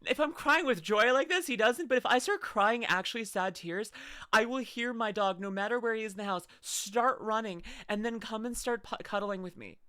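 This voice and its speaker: Speaking at a normal speed, a young woman streaming from home reacts to videos and gushes effusively, with many restarts in her casual chat. Her voice is a little high, a bit bright, clear and resonant. The sound is dry and clean, like a studio.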